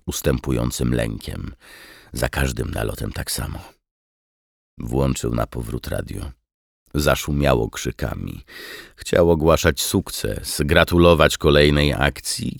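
Very deep gravelly guy narrating an audiobook, steady reading, dry close sound. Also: no echo. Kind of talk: scripted narration.

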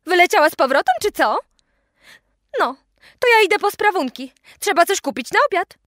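A woman doing a brisk, bustling aunt. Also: very high-pitched, lively intonation, a bit bright, no echo, clean studio sound, voice pushed up. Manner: brisk, puzzled.

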